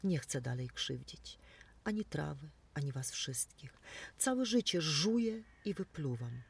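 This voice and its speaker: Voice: mid-range voice, lively intonation, measured pace, creaky, husky, far from the mic, exaggerated voice. A storyteller voicing a proud female lawnmower in a children's story, growling and menacing. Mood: remorseful. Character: proud boastful female lawnmower, loud and gruff. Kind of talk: storybook reading.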